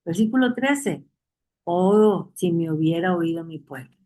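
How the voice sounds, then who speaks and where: Mellow-voiced woman teaching Bible study. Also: fairly low pitch, lively intonation, a little slow, poor audio. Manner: reads verses aloud and asks the class questions; repeats key phrases for emphasis.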